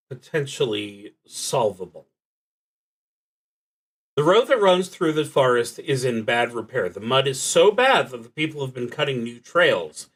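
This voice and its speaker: Playing a solo roleplaying game on stream, a man speaks at medium pitch with a bit of brightness. He reads prompts and thinks out loud haltingly, at times murmuring under his breath.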